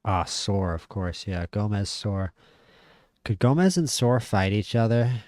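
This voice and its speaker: A man casually commentating a boxing management game, chatty and opinionated, stammering when he gets excited. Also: lowish voice, a little slow, dry recording, clean studio sound. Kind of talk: casual play-by-play commentary over a boxing sim.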